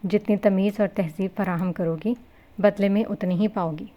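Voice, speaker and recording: A woman's voice: mid-range voice, steady tone, warm tone, lightly acted. A woman voicing a blunt young husband who talks in a cold, scolding way, in a novel reading. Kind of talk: novel reading with character voices.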